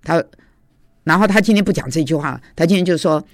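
Slightly high-voiced male preacher, dry sound. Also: brisk, dry recording. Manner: storytelling, confessional, many hesitations. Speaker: seminary teacher and preacher. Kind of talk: informal devotional talk.

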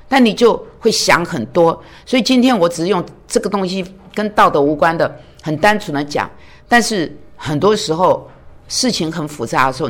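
A woman preaching a sermon in an earnest way, often putting questions to her listeners. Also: sits low. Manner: earnest, asks the listeners many rhetorical questions.

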